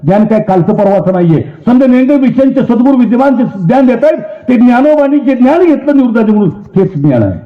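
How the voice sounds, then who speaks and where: A man delivers an emphatic devotional sermon, pressing his points with insistent repetition. His voice sits very high for a man. It rings around a roomy hall and comes through a dull, muffled recording. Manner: emphatic, preaching with rising and falling intensity. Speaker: preacher. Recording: roomy, dull low-fidelity sound.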